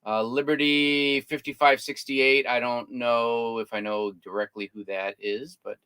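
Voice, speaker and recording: A man's voice: medium pitch, little pitch movement, measured pace, pushed and bright, clean tone. A man co-hosting a casual livestream from inside a camper, reading out viewer comments and joking. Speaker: co-host of an RV livestream.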